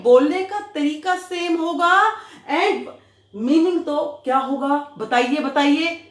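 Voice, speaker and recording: A woman's voice: high voice, echoey room. A woman teacher with an Indian accent explaining English words, spelling them out letter by letter and switching between Hindi and English. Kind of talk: grammar lesson in Hindi and English.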